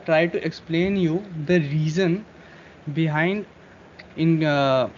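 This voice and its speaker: A man with a Bengali Indian accent teaching vocabulary and pronunciation in an informal, halting, explanatory way. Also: on the high side. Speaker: language teacher. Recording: dull lo-fi audio, faint noise.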